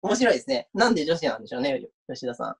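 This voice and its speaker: A man's voice: medium pitch, very animated, very fast, breathy edge. A university lecturer giving an online mock class, chatty and reading out viewer comments as he talks.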